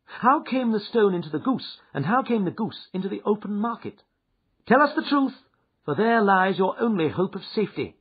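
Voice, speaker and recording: Man doing a bossy clever detective, animated, kinda dull lo-fi sound. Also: high-pitched, slightly rough, voice pushed up, exaggerated voice. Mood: stern. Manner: brisk, forceful, commanding. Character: commanding sharp-witted male detective. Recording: dull lo-fi recording.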